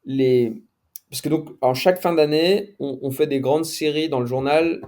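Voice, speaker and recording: Middle-aged male journalist guest, relaxed dark tone, halting casual delivery. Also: a little high. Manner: hesitant, many fillers and restarts. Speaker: sports journalist, podcast guest. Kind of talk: casual conversational interview.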